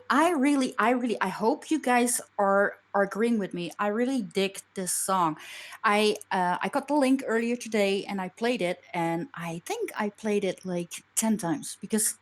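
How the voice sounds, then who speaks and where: A woman's voice: medium pitch, moderate pace. A woman hosting a casual live online show over voice chat, bubbly and playful, stumbling and restarting her sentences. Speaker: show host. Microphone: push-to-talk voice chat mic.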